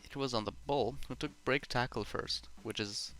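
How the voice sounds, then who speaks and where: A man co-hosting a casual podcast over a voice call, relaxed and a little hesitant, his failing headset making the audio choppy. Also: medium pitch, moderate pace. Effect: glitchy choppy internet audio. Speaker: podcast co-host. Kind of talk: casual chat about a board game.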